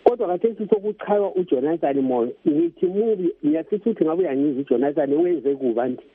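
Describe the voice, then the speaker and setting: The voice comes through a thin, narrow phone line. It is a male caller with a Zulu-like Zimbabwean Ndebele accent, gravelly and swinging widely in pitch as he argues his political view. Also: big pitch swings, fast. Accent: Zimbabwean Ndebele, close to Zulu. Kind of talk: impassioned political opinion in a phone-in. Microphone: telephone.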